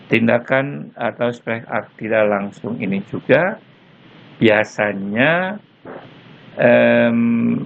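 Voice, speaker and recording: Slow, gravelly male lecturer on a tinny line. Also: on the low side. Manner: slow, patient explaining with frequent "ya" tags. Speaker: German lecturer. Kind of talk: recorded university lecture. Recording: lo-fi phone-like recording with faint noise.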